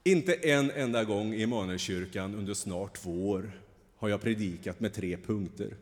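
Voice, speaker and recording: A man preaching a lively sermon from the pulpit in a church, acting out the story as he goes. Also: fairly low pitch. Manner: animated, acts out the story's voices. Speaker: pastor. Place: church sanctuary. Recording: long church reverb.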